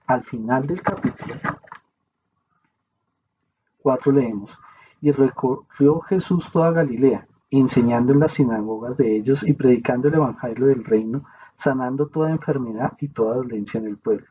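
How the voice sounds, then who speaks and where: A man reading aloud a Bible commentary in a steady, measured way, now and then correcting himself. The recording is muffled and slightly hissy. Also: medium pitch. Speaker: reader.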